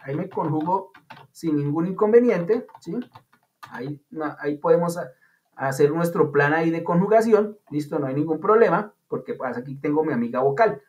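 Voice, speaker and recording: A man's voice: fairly high pitch, moderate pace, slight background noise. Chatty male teacher online. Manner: patient, chatty, uses playful analogies. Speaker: English teacher. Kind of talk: online class explanation. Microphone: video call. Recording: dull lo-fi online call audio.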